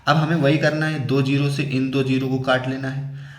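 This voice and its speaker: A man's voice: mid-range voice, level tone, moderate pace. Man teaching maths in an echoey room. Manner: explains patiently, asks and answers his own questions. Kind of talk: step-by-step maths lesson.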